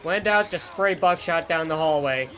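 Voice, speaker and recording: A man's voice: fairly high pitch, moderate pace, noisy background. Wry male streamer over gunfire. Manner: wry, talks back to game characters. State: voice still worn from illness. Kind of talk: casual gameplay commentary. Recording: loud game gunfire behind voice. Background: game gunfire and explosions.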